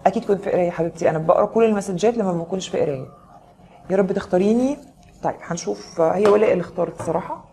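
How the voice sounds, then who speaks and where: A woman's voice: mid-range voice, racing, background noise. Chatty Egyptian woman reading tarot live. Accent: Egyptian Arabic. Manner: chatty, greets viewers by name. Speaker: tarot reader.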